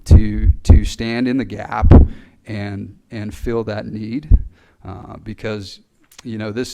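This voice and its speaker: A man speaking at a fire recruit graduation ceremony, earnest and a little halting, with fillers. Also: on the low side, mellow, poor audio. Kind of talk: ceremony speech. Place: ceremony hall. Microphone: podium mic.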